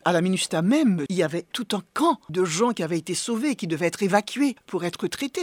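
A middle-aged woman in an interview, telling in a measured, grave way what she lived through. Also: fairly low pitch, breathy edge, dry recording. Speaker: interviewee recounting an earthquake. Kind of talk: interview testimony.

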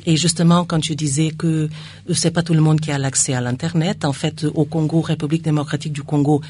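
A woman's voice: sits low, flat delivery, fairly quick, a little mellow, slightly rough. A woman with a foreign accent in French, a non-native speaker searching for words in a conversational interview. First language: not French. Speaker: radio station staff member being interviewed.

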